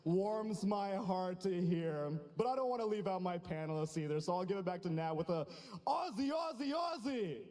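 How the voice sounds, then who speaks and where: A man's voice: high voice, brisk, few pauses, dark tone. A man hosting live esports, jokingly rousing the crowd into chants. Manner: playful, jokey crowd-rousing. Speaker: esports host working the crowd. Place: convention center stage. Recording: large hall reverb with crowd.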